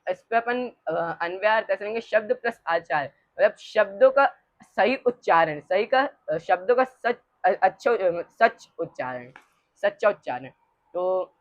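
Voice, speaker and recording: A woman's voice: medium pitch, dry recording. A woman giving a religious study lesson to a group, hesitant, with many fillers and restarts. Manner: leads the group in call-and-response repetition. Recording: dull muffled dry recording.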